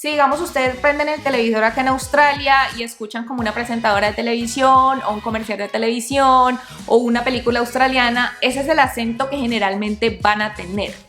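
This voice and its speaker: A young woman from Cali, Colombia, with a Colombian accent, hosting a casual explainer vlog in a lively, chatty way. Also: a little high. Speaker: vlog host teaching about accents.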